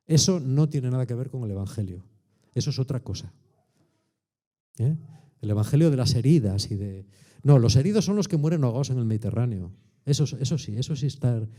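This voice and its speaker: A man's voice: medium pitch, warm tone. A man in his sixties with a Spanish accent preaching a sermon in a colloquial, emphatic way, full of rhetorical tags. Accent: Spain Spanish. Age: 60s.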